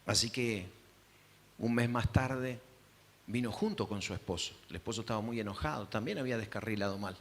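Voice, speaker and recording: A male pastor with an Argentine Spanish accent preaches a sermon, telling a story dramatically and acting out the voices. He speaks a little fast in a low voice, with slight background noise.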